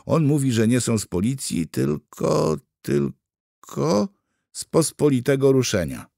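Man putting on a flustered lady interpreter, higher voice, bouncy, dry close sound. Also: very animated, a little mellow, dry recording. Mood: flustered eager. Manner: hurried, raised, eager. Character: flustered female interpreter with shaky school German.

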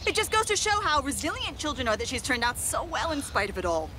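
A spiteful middle-aged school mother in a radio drama. Her theatrical, condescending voice swings widely in pitch, with loud noise behind it. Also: sing-song, fast. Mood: smugly cruel.

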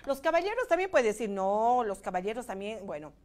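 Higher-voiced woman hosting casual TV talk. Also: very animated, a little fast. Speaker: TV show host. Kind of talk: casual talk show presenting. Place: TV studio.

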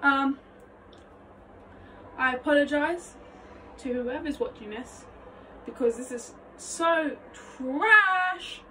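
A young woman vlogging her vocal warmup, chatty, rambling and self-mocking, her voice slightly phlegmy. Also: high-pitched, takes it slowly, long pauses, a little hiss or hum. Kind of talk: casual vocal warmup vlog. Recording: voice a bit distant from mic.

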